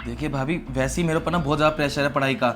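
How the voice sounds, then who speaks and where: A man's voice: a little high, fairly even intonation, rapid-fire, natural voice. A young man playing a dutiful student brother-in-law in a short film drama, earnest and exasperated. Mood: exasperated refusal. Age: young adult.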